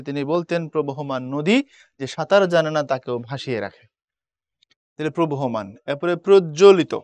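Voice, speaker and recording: Guy w a bangladeshi accent teaching grammar, kinda high voice, asks if u get it, throws in english words. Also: no room sound. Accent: Bangladeshi Bengali. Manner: explains step by step, asks "বুঝছো?". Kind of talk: admission test coaching lesson.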